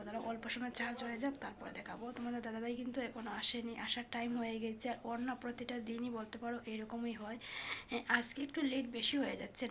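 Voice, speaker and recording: A young woman housewife vlogging to viewers from her phone at home at night, talking softly and hushed because her child is asleep. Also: a little high. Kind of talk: casual vlog talk to viewers.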